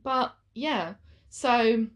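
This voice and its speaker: A woman's voice: a little high, very slow. Chatty woman podcast co-host. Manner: chatty, trailing off with fillers. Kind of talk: casual true-crime chat.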